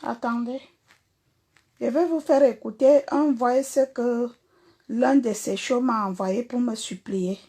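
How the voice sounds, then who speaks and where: A woman's voice: on the high side, steady tone, takes it slowly, warm tone, slightly rough. A woman singer with a Cameroonian French accent, talking bluntly and confrontationally to viewers in a livestream rant. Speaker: singer and performer.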